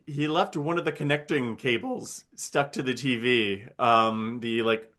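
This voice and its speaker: A man's voice: mid-range voice, unhurried, a bit bright. A man co-hosting a podcast, making laid-back, joking asides while chatting over a movie. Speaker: podcast co-host. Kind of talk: casual movie commentary chat.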